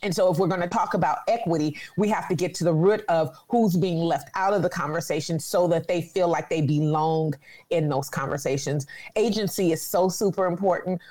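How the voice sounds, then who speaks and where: A woman's voice: on the low side, fairly quick, warm tone. A woman in her forties from California, speaking earnestly and reflectively in a conversational interview. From Sacramento, California.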